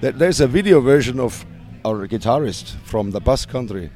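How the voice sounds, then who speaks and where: With faint music in the background, a male punk band vocalist with a German accent gives halting interview answers full of restarts and soft laughs. He talks at normal speed in a mid-range voice with lively intonation.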